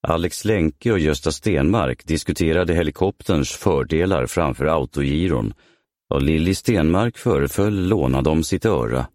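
Man, audiobook narrator, measured reading, very deep voice, dry booth sound. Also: animated, darkish tone, dry recording. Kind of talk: audiobook reading of a crime novel. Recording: dry close studio sound.

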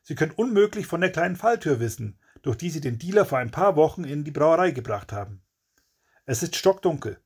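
Man, audiobook narrator, crime story, dramatic and punchy, husky voice, lively pitch. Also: fairly quick.

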